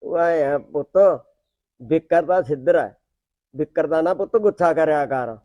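Man as a village father, coaxing, repeats himself, high-pitched. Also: unhurried, warm tone, dry recording, lightly acted. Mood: soothing. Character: village father, soothing yet bossy.

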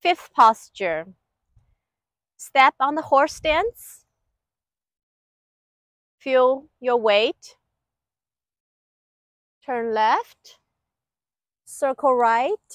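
A woman with a high voice leads an exercise class as its instructor. She gives one short, clipped direction at a time at a slow pace. The sound is close and dry. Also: expressive, a bit bright, no room sound. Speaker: qigong instructor. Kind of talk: exercise instruction, step-by-step cues. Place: outdoor lakeside paved terrace.

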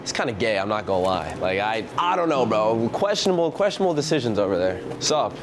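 A young man talking casually in a prank vlog, joking and laughing often with quick slangy talk, filmed on a handheld camera in stores and outside. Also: on the low side, very animated, noisy background. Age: young adult. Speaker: vlogger. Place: stores, parking lot and gas station, indoors and out.

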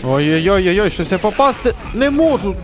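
A man's voice: high-pitched, very animated, a little fast, noisy background. A man giving casual let's-play commentary, chatty, swearing and joking to himself as he plays. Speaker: gaming channel host. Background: game music and gunfire.

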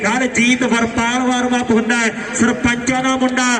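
A Punjabi man calls a rural kabaddi match in a frantic, repetitive way. His voice is extremely high and stays on one level, heard from far off through an echoing PA with a loud crowd around. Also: monotone, moderate pace. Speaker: kabaddi commentator. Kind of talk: rural sports commentary. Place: outdoor village sports ground. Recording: distant echoey PA, loud crowd behind.

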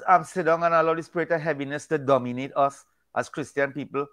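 This older guest from Trinidad, with his Trinidadian accent, chats informally about faith over a home video call using a webcam and a virtual backdrop. He talks quickly in a fairly high, somewhat bright voice with fairly even intonation, rambling in a folksy way and often repeating himself.

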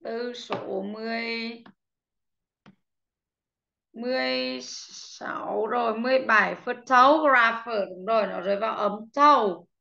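A woman teaching an online English class who patiently drills vocabulary pronunciation, repeats each word slowly and calls on students by name, heard over slightly muffled call audio. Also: fairly high pitch, creaky, pushed and bright. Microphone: video call.

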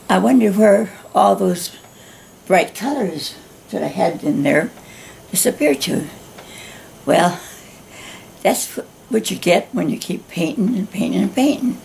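A woman in her nineties, gently encouraging viewers at the end of a painting lesson, slow and warm in manner, her voice going hoarse. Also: mid-range voice, lively intonation, slight background noise. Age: 90s. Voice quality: gravelly. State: losing her voice. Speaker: art instructor. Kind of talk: painting tutorial talk.

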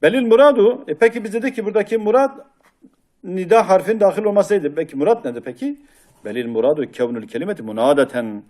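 A man's voice: high voice, animated, fast, a little mellow. A man teaching a lesson on a classical grammar text, reading passages aloud and explaining them with frequent hesitations. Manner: reads Arabic passages then explains them in Turkish, with frequent hesitation sounds.

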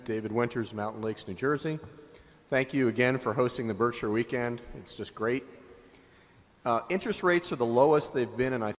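A man in the audience politely asking a prepared, formal question at a shareholder meeting. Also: mid-range voice. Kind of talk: prepared question read from notes. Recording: long hall reverb from arena mic.

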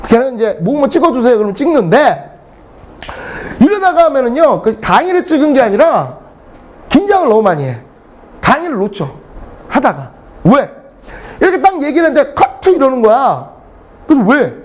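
A man's voice: very high voice, big pitch swings, moderate pace, long pauses, a little mellow. A middle-aged man teaching English, telling blunt, comic classroom stories and swearing freely for laughs. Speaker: English lecturer. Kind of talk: lively classroom storytelling.

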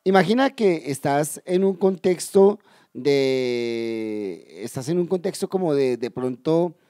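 A man teaching English in a video lesson, explaining step by step, addressing viewers directly and slowly repeating key words. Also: a little high, lively intonation, dark tone, no echo, clean studio sound. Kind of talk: video lesson for Spanish speakers.

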